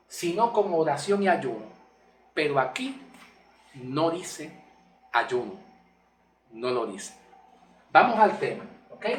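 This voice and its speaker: A man giving a Bible teaching, often checking in with short questions to his listeners and repeating key words slowly for emphasis. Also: fairly high pitch, a bit bright. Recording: roomy echo from a distant mic with faint noise.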